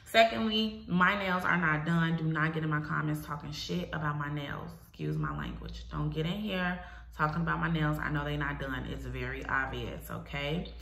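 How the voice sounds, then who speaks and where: A woman's voice: low voice, expressive, normal speed, vocal fry, a bit bright. A young woman with a stuffed-up, nasal voice from a head cold, chatting casually and emphatically to viewers as a hair vlogger. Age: young adult. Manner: informal, emphatic, addresses viewers directly. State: congested nose from a head cold. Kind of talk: casual chat to camera. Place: small home room, indoors. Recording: roomy, echoing indoor sound.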